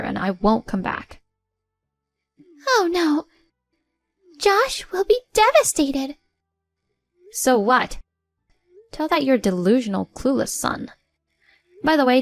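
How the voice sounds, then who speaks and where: A woman narrating a first-person story in a blunt, cold, confrontational way. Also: on the high side.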